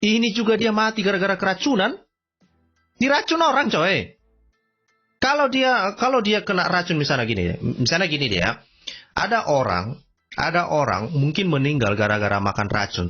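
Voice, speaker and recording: A man giving casual commentary and reading texts aloud, slangy and emphatic, often jumping high in pitch to stress a point. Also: animated, moderate pace, fairly bright tone, slightly rough, faint music behind. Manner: slangy, emphatic, repeats "coy", frequent sudden high-pitched exclamations. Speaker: religious commentator. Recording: dull lo-fi recording.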